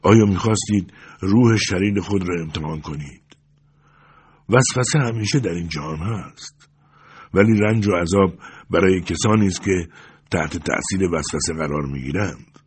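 A man playing a grave old hermit monk who speaks calmly and sternly. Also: low voice, slightly rough. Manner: calm, stern, quiet.

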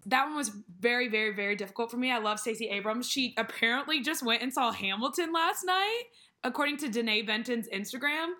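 A woman's voice: a little high, animated, a little fast, sharp tone. A young American woman co-hosting a casual podcast from a living room, chatting informally and freely giving her opinions. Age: young adult. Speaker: podcast co-host.

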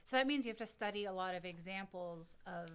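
A woman's voice: medium pitch, a little fast, a little hiss or hum. A woman co-hosting an education podcast, chatting casually with playful asides. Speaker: podcast co-host.

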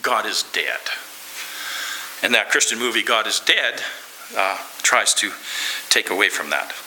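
Male guest preacher, conversational and earnest, bright tone, faint hiss. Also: on the low side, moderate pace, rough recording. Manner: earnest, conversational, asks the congregation questions. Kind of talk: sermon and closing prayer. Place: church.

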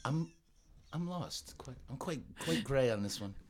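Podcast co-host, man, gravelly and expressive, dry wit. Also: mid-range voice, unhurried. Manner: dry, wry jokes. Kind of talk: casual banter among friends.

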